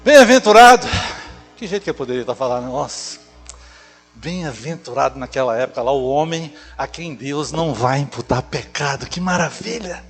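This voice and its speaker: A man's voice: mid-range voice, fairly quick, music in the background. Brazilian male preacher in a reverberant hall. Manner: rhetorical questions and emphatic short repeated phrases. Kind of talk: church sermon. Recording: echoey hall with long reverb.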